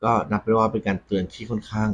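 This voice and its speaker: A man hosting a ghost story segment, talking conversationally and politely to his audience with a husky voice. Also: lowish voice, little pitch movement, rapid-fire, a little hiss or hum. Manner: polite, frequent Thai male polite particles.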